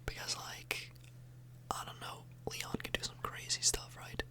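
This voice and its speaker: Close to the microphone, a woman hosting an ASMR video speaks in an unvoiced, breathy whisper. Her talk is loose and slightly hesitant rambling, delivered a little slowly.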